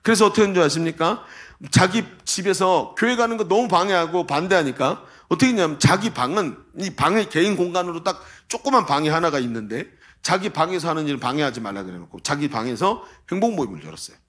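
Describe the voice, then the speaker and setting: A male pastor preaching a sermon at a church service, telling a story in an animated, emphatic way. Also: a little high, fast talker.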